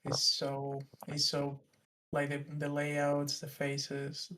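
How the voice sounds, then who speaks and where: A man with a fairly high but flat voice, speaking softly in short, earnest, trailing phrases during a relaxed group chat. His tone stays even and barely rises or falls. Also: slow pace, poor audio. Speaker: book club member. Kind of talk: casual chat.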